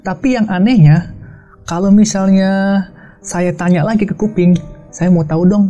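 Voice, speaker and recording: A man telling a story of his own in a casual, hushed, halting way, often quoting himself and others. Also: high voice. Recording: dull lo-fi sound with faint music.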